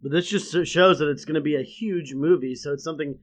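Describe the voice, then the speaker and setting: A man's voice: a little high, fast. Laughing man quoting cartoon lines. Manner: laughs often, quotes lines from memory. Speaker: podcast co-host. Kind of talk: casual podcast episode review.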